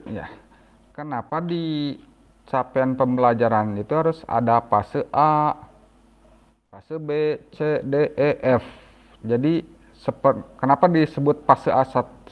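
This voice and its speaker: A man, a teacher in an online training, asks a question in a halting way with cut-off words, his voice breaking up over a bad call connection. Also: mid-range voice. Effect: choppy, breaking-up online call audio. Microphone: video call. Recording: dull, lo-fi call audio.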